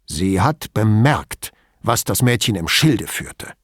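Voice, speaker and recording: A man's voice: lowish voice, very animated, takes it slowly, breathy edge, no echo, studio quality, exaggerated voice. A man playing a pompous, indignant police chief. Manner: indignant, emphatic, complaining.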